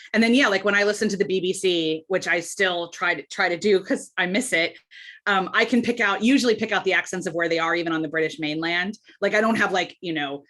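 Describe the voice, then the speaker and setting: A woman from the United States, a guest on a podcast, talking in a chatty, animated way with quick asides and easy laughs. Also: mid-range voice. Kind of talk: casual podcast interview.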